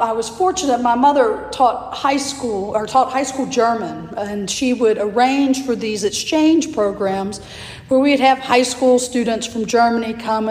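A hoarse, raspy woman priest preaches in a measured, gentle way. Her voice sits a little high and rings through a roomy church with a long reverb tail. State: hoarse from allergies. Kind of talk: sermon. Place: church sanctuary.

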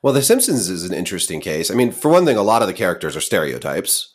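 A man hosting a podcast, talking in a thoughtful, relaxed way and laughing easily. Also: low voice, fast, breathy edge. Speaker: podcast host. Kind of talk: casual conversation.

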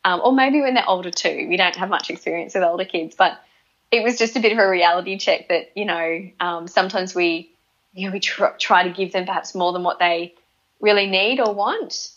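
An Australian woman speaks casually as an interview guest, her voice fairly low, brisk and a little bright. She thinks aloud, often repeating words and restarting phrases in this relaxed conversational interview. The audio is lo-fi and slightly dull.

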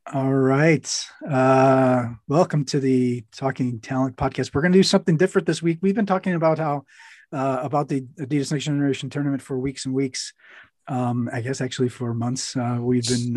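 A man's voice: mid-range voice, a little mellow, no room sound, clean studio sound. A man hosting a podcast, talking casually with lots of fillers and restarts. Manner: rambling, many fillers and restarts. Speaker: podcast host.

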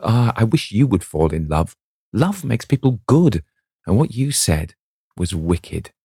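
A man's voice: on the low side, big pitch swings, a little slow, mellow, slightly rough, no room sound, studio quality, voice pushed up, exaggerated voice. A man voicing a young actress, dreamy and lovestruck, speaking in a breathless, rapturous way. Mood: scolding.

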